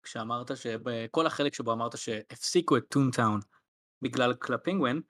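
A man's voice: medium pitch, a bit bright. A young man chatting casually as a podcast co-host. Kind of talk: casual chat.

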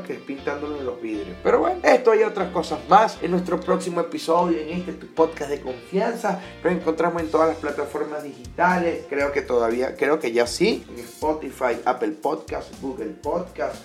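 Man, Venezuelan accent, young adult, podcast host, casual joking ramble, echoey room, faint background music. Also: on the high side. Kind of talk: casual solo podcast monologue.

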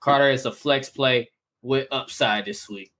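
A man co-hosting a casual fantasy football podcast, laying out player picks in steady stretches. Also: medium pitch, measured pace. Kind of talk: casual sports chat.

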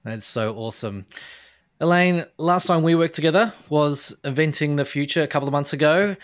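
A man's voice: mid-range voice, fairly bright tone. A man hosting a podcast, enthusiastic and often hesitating with fillers. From Australia. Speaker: podcast host. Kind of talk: casual podcast interview.

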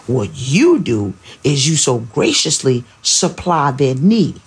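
A woman in her forties, a pastor hosting a podcast, telling family stories in a casual, animated way. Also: extremely low pitch, slow pace, husky. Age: 40s. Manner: animated, acts out family scenes with exclamations.

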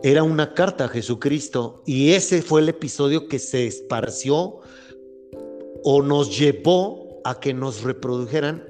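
A man hosts a casual faith-based podcast, speaking earnestly and unhurriedly at an ordinary middle pitch. He rambles, circling back and restarting sentences, while soft music plays faintly behind him.

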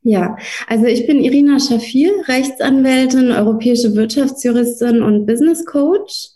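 A lawyer whose first language is Russian answers interview questions as a guest, speaking thoughtfully and hesitating often. Her voice is a little high and warm, at a moderate pace.

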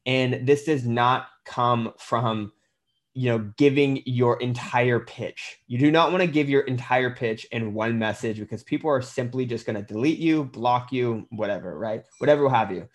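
A man's voice: mid-range voice, moderate pace. A man coaching personal trainers on their business in a blunt, conversational way, with the odd swear word. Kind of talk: casual instructional talk.

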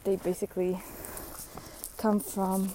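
Slow-talking young woman venting casually. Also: mid-range voice, flat delivery, mellow, slight background noise, rough recording. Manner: chatty, blunt, swears, many fillers. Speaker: vlogger.

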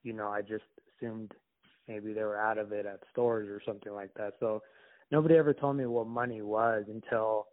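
A young man from Somalia, an interview guest, talking in a halting, reflective way with many restarts. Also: lowish voice, steady tone. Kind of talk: casual conversation. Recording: tinny phone-like call line.

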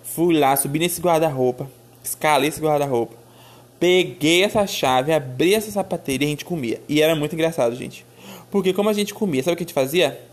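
A woman telling a childhood story in a casual, animated, exclamatory way. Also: low voice, a little fast. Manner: animated, exclamatory, addresses listeners as "minha filha".

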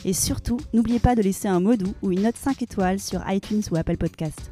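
Upbeat French podcast hostess. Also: female voice, mid-range voice, fairly quick, dark tone, soft background music. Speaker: podcast host. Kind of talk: scripted intro then interview questions.

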